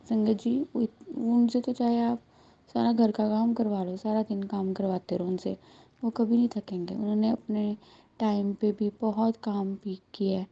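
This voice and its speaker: A woman's voice: medium pitch, gravelly, mellow. A woman in her thirties giving an earnest personal testimony to a devotional gathering, slipping English words into her speech. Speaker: satsang devotee sharing a blessing. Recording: dull lo-fi recording.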